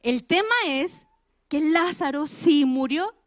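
A woman preaching with a high voice. She puts direct questions to her listeners and drives points home by repeating phrases. The recording is close and dry. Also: slow, no echo. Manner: emphatic, repeats key phrases. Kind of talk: sermon.

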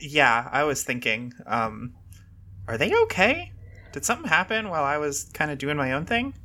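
A woman's voice: low-pitched, very animated, normal speed, sharp tone, full character voice. A woman voicing a laid-back young woman fighter who shrugs off her bruises. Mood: offhand.

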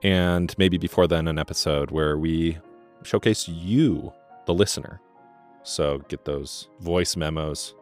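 A man's voice: deep voice, slow pace, soft background music. A man co-hosting a podcast, explaining his thoughts on a book in a thoughtful, casual way. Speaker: podcast co-host.

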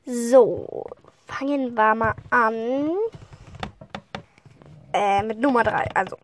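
A woman's voice: on the high side, heavy background noise. A woman chatting casually as a podcast host, hesitant and rambling, often apologizing and restarting her sentences. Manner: slow with many fillers and trailing off.

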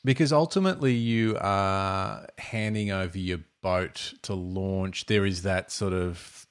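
An Australian man with a fairly low voice talks casually as a co-host. His speech is colloquial, and he works out his thoughts aloud as he goes. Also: measured pace, clear, resonant tone. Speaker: podcast co-host. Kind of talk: casual chat.

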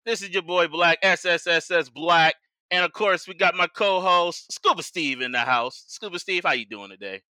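An American man with a very bright, forceful voice that sits a little high, hosting a podcast. He talks in loose slang with hype-man flourishes, and the sound is close and dry. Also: normal speed, few pauses, no room sound. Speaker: podcast host. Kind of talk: casual chat.

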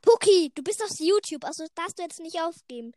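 A young female voice chatting while playing a video game, giggly and easily excited. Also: very high voice, a little fast, no echo. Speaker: player. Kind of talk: casual gaming chat.

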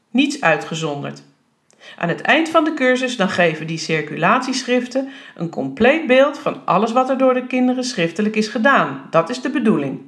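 A self-important male schoolteacher who talks in a pedantic, officious tone, as a woman reading a novel aloud puts him on. He lays out rules with fussy care and sounds pleased with himself. It is a storybook reading in her own voice, lifted a little higher. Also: a bit bright.

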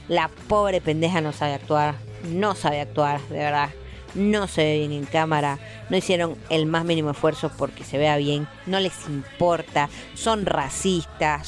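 A woman with a Rioplatense Spanish accent giving a passionate, blunt film review, swearing freely and repeating phrases for emphasis. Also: sits low.

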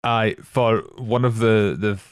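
A young Scottish man co-hosting a film podcast, deadpan and dry, repeating words as he warms up to a point. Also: fairly low pitch, slow, clear, resonant tone, no room sound. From Scotland. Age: young adult. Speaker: podcast co-host. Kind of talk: casual film podcast chat.

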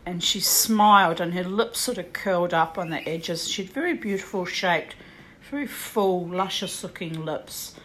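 A woman's voice: lowish voice, normal speed, fairly bright tone. Older woman rambling through a ghost story. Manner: rambling, many "you know" and "like" fillers, clears throat. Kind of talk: telling a personal ghost story.

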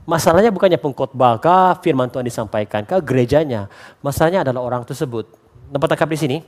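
A man preaching a lively sermon as a pastor, slipping English phrases into his talk. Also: medium pitch, quick pace. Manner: acts out quoted voices for humor.

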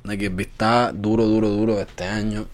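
A man's voice: on the low side, level tone, normal speed. Teasing podcast guy. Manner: teasing, mixes English into Spanish. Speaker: podcast co-host. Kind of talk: casual podcast banter.

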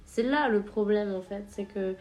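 A young woman chatting casually with friends, animated and full of fillers. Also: mid-range voice, normal speed, a loud crowd. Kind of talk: casual chat among friends. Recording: roomy echo, faint noise.

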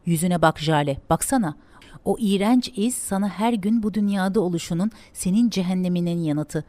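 A woman voicing a bitter young woman who shouts hateful words at her twin sister. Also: on the low side, normal speed, no echo, lightly acted. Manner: shouting, venomous.

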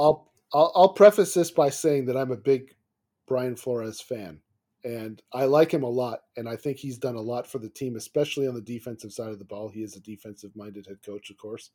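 A man co-hosting a sports podcast, talking in long runs with restarts and getting animated and laughing when riled. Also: mid-range voice. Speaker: podcast co-host. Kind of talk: casual sports podcast chat.

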